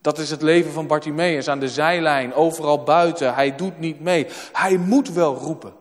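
High-voiced male preacher in reverberant hall. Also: normal speed. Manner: emphatic, repeats words for weight. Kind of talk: sermon.

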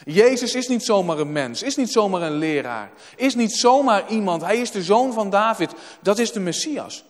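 Man, preacher, sermon, emphatic, repeats words, high pitch, church. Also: expressive, moderate pace. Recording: long hall reverb.

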